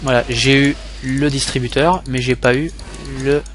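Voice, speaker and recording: A man's voice: medium pitch, steady tone, normal speed, slight background noise. Rambling young man narrating gameplay. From France. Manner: rambling, many fillers and restarts. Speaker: gaming tutorial host. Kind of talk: casual gameplay commentary tutorial.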